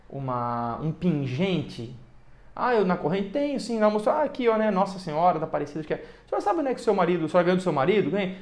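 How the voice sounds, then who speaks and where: A man with a Brazilian Portuguese accent giving a recorded law lecture, explaining trial procedure and recounting a case, tagging his points with quick checks like "né" and "tá". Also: fairly high pitch, a little mellow, roomy sound.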